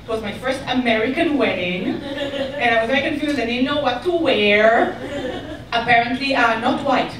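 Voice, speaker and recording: A woman from Israel with an Israeli accent doing a stand-up comedy set, deadpan and ironic with bursts of mock outrage. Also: fairly high pitch, normal speed, a crowd in the background. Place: comedy club stage. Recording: echoey club, mic far away, audience noise. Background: audience laughter.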